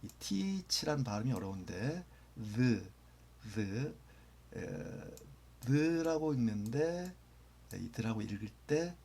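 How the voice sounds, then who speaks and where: A man's voice: mid-range voice, big pitch swings, drawn-out words, vocal fry, darkish tone, breathy edge. A man teaching English grammar in a lecture, patiently repeating phrases and sometimes dropping almost to a whisper for example sentences.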